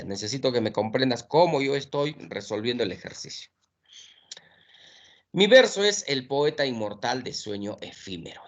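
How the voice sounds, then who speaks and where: A man's voice: mid-range voice, muffled recording. A man, teaching an exam-prep lesson step by step and checking in with frequent tag questions.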